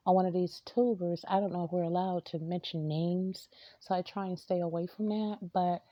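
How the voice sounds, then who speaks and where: A woman spiritual reader telling a story to camera, hesitant and halting, often repeating words and trailing off. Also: on the low side, fairly even intonation, dry recording, muffled recording.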